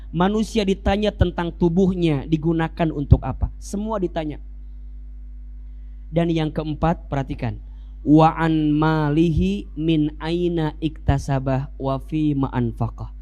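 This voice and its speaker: A male Islamic preacher, giving a lively sermon full of rhetorical questions and joking asides. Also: fairly high pitch.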